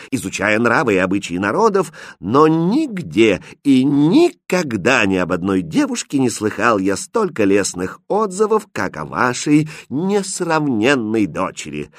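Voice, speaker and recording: A man's voice: mid-range voice, fairly bright tone, no room sound, clean studio sound, pitched above the performer's own voice, heavily acted. A man voicing a gallant young prince who speaks in elaborate, courtly phrases in a fairy-tale audiobook.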